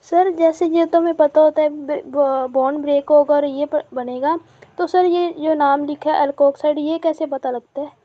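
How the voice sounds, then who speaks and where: A young woman student asking her teacher a hesitant, halting question in an online class. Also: high voice, fairly even intonation, no echo, dull audio.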